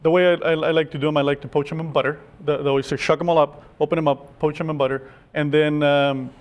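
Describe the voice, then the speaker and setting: Chef guy talking fast on a cooking segment, kinda high voice, lots of restarts. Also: flat delivery. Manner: quick, halting explanations with many restarts. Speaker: chef guest. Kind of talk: cooking demonstration chat.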